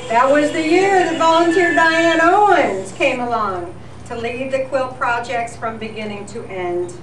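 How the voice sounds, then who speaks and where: A high-voiced woman presents a scripted comedic tribute styled as a golden-age radio newscast at a live event in a senior center room. She speaks a little slowly over music, and the echoey, noisy room is recorded from a distance.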